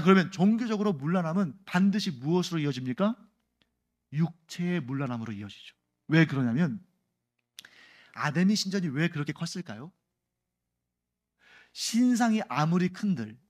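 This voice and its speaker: Man, pastor, sermon, explanatory, asks the congregation questions, slightly high voice.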